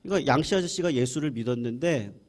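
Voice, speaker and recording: A man, a senior pastor, preaching a sermon as a lively story and acting out quoted voices. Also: medium pitch, fast.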